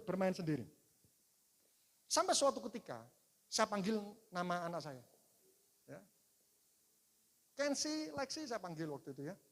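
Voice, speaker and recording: A middle-aged man preaching a sermon, telling a personal story. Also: high-pitched. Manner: animated storytelling, voice rising and falling. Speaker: pastor.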